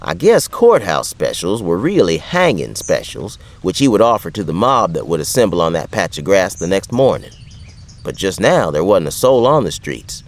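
A man's voice: deep voice, big pitch swings, moderate pace. An actor playing a wry, tough frontier sheriff who tells his western story in folksy talk with an American West accent. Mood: wry, reflective. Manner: folksy, colloquial. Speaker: narrator and lead character. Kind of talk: dramatized first-person western storytelling.

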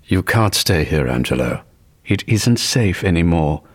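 A man's voice: low voice, lively intonation, unhurried, breathy edge, exaggerated voice. A man voicing a wary, guarded man who urges his mad brother to leave. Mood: urging.

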